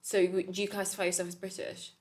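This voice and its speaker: A woman's voice: mid-range voice, flat delivery, quick pace, a little mellow. A young woman who grew up in Italy, a student, chatting thoughtfully and laughing easily on a podcast. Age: young adult. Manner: giggly, thoughtful, apologetic. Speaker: student guest. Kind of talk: casual podcast chat.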